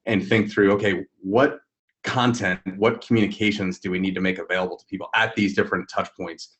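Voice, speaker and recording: A man with a very low voice co-hosts a live webinar. He explains ideas in a measured, thoughtful way over a video call. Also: steady tone, fairly bright tone. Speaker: webinar co-host.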